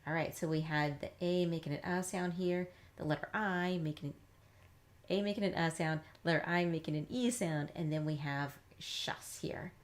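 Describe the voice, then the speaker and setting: A woman reading teacher giving a live phonics lesson, chatty and upbeat, slowly sounding words out piece by piece. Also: deep voice, fairly even intonation. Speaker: reading teacher, academy founder.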